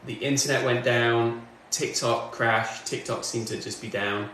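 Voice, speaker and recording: A little slow and steady in tone, this mid-range, fairly bright voice belongs to a music streamer from northwest England. He chats casually on his livestream, responding to comments while working in his indoor home studio. He's far from the mic, the room is very echoey, and faint background noise can be heard.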